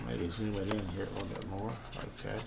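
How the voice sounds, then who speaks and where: Sitting in his small home radio room, an older or middle-aged ham radio enthusiast shows off his equipment in a casual, off-the-cuff way. His creaky voice is fairly low and level, and his halting, wandering talk is broken by long hesitations, all caught on a noisy home camera.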